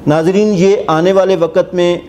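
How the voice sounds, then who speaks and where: A man in his forties hosting a property channel, with a Pakistani Urdu accent and a voice that sits high, explains a project's rates to camera. Seated in an indoor office with an armchair and wearing a lapel mic, he reads notes and gestures with his hands, keeping a steady explanatory tone despite many filler sounds, hesitation, and frequent pauses.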